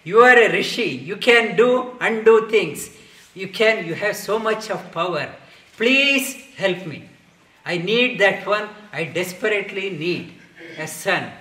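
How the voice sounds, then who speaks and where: A man's voice: high-pitched, unhurried, echoey room, pitched above the performer's own voice, low-quality recording. A man doing a desperate pleading king. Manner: louder, raised and begging.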